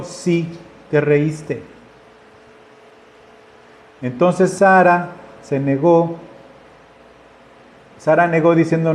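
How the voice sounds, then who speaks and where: A man's voice: a little high, a little mellow. A man preaching a conversational sermon, acting out the voices in his stories. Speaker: pastor. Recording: echoey room with faint ambience.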